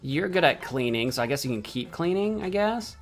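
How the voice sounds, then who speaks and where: This brisk American gamer has a high, expressive voice, with music drifting faintly in the background. Thinking aloud as he plays on stream, he meanders, backtracks on what he said, and jokingly acts offended at his chat.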